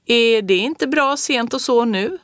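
Woman putting on a chatty shop lady, higher and brighter than her reading voice, brisk and a bit distracted, dry sound. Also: no room sound, close to an everyday voice. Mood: brisk friendly. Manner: brisk, chatty, half-listening. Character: busy kindly village shopkeeper woman.

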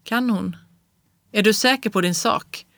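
A reader voicing an anxious middle-aged professor who speaks haltingly, in an audiobook of classic prose. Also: mid-range voice, vocal fry, fairly bright tone, no echo. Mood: relieved. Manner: hesitant, halting speech.

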